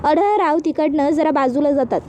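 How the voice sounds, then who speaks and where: A woman with a high voice retells a TV serial episode, speaking softly and steadily. Faint room ambience sits under her. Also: moderate pace, a little hiss or hum. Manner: soft-spoken, reads every character's lines herself. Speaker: serial episode recap narrator.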